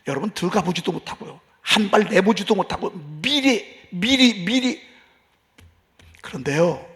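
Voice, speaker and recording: A man preaching a sermon as pastor, passionate, moving from hushed talk to loud outbursts. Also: high voice, creaky. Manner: impassioned, swings from hushed to shouting.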